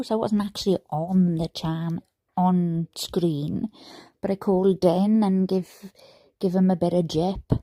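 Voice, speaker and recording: A Welsh woman hosts a livestream about a trial, talking casually into a headset mic with lots of fillers and restarts. Her voice is medium-pitched and warm, and the recording is dry.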